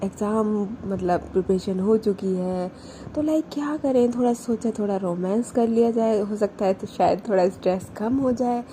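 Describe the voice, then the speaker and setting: A woman's voice: mid-range voice, moderate pace, mellow, a little hiss or hum, close to an everyday voice. A woman storyteller voicing a shy, nervous young college woman who protests hesitantly.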